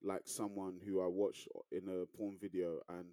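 Casting: young male podcast co-host, slightly low voice, conversational, very dry recording. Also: level tone, moderate pace, warm tone, no room sound. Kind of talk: casual chat.

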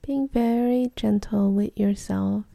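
A woman's dark, gravelly voice guides a meditation, deeply relaxed and close to a whisper. Her pace is slow and gentle, broken by long pauses, and the sound is intimate and dry with no echo.

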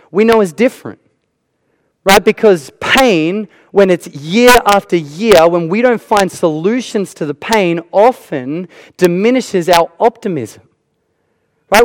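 A man's voice: on the high side, no room sound. A man preaching a sermon in an earnest way, repeating phrases for emphasis. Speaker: pastor.

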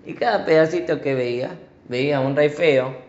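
A man's voice: fairly high pitch, moderate pace, a little mellow. A man with a Rioplatense accent giving an earnest, emphatic sermon as a rabbi and weaving in Hebrew terms. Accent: Rioplatense Spanish. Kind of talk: sermon with a parable. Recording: roomy, slightly dull recording.

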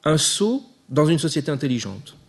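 A man giving an academic lecture, measured and thinking aloud, with small hesitations and restarts. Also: fairly high pitch, big pitch swings, creaky, slightly rough.

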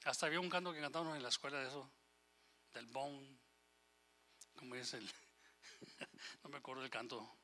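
A man preaching a sermon with passion, swinging between loud exhortation and quiet asides, quoting scripture and voicing God's words. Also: medium pitch, steady tone, normal speed, pauses often. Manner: impassioned, rising and falling in volume, quotes scripture and God's voice; switches briefly into English phrases. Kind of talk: Spanish-language sermon.

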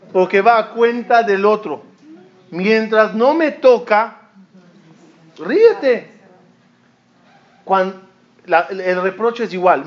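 A man giving a storytelling sermon, acting out the voices of the people he quotes. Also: sits high. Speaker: rabbi. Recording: dull lo-fi recording.

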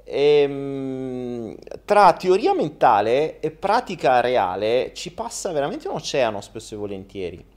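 A man's voice: medium pitch, sing-song, a little slow, darkish tone. A man telling a joke in a casual, rambling, self-deprecating monologue. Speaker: storyteller.

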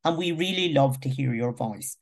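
A woman's voice: very deep voice, lively intonation, moderate pace, darkish tone. A woman chairing an event, speaking formally as she makes announcements and introductions.

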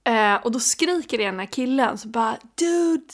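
A young woman co-hosting a casual chat, telling a personal story in an animated way and laughing as she goes. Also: a little high.

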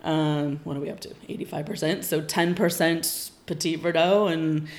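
A woman with a notably low voice talks through wine details as a podcast guest. She explains patiently and informatively, with frequent ums. She is from Northern California. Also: fairly even intonation, normal speed, a little mellow. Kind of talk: casual podcast interview.

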